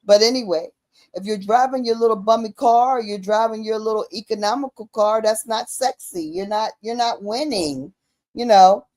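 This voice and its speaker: A woman's voice: on the high side, moderate pace, darkish tone. Woman in emphatic, slangy casual conversation.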